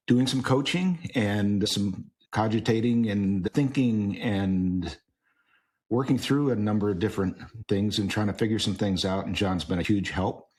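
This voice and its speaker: A man hosting a podcast interview, talking casually and a bit haltingly. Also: on the low side. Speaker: podcast host.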